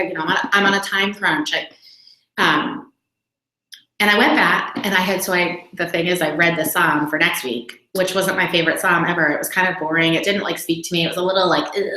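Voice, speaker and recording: A woman's voice: on the low side, pushed and bright. A woman in her thirties, talking candidly and casually about her faith, with lots of fillers and self-deprecating asides. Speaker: faith video host. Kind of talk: casual personal reflection. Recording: roomy echo.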